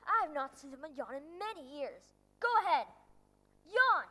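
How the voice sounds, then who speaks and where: Bossy old king on a stage, high bright voice, echoing hall. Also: animated, a little fast. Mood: regal. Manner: pompous, commanding. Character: pompous old male king on a throne. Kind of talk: stage play performance. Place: school auditorium stage. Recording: long hall reverb on stage.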